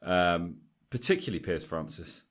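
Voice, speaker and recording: A man with a lowish voice talks casually as a podcast co-host. He hesitates and restarts his sentences as he thinks aloud. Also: big pitch swings, normal speed, crowd noise. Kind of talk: casual chat.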